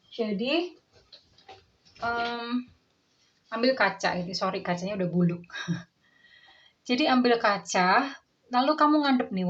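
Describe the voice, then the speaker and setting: A woman tarot reader and coach giving casual, gently instructive guidance to her viewers, with lots of fillers. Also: mid-range voice. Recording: dull lo-fi audio.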